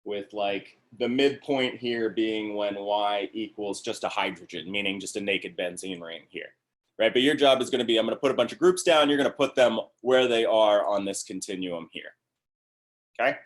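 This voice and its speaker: A man's voice: fairly low pitch, normal speed. A man lecturing a class on organic chemistry in an upbeat review, often checking in with the class.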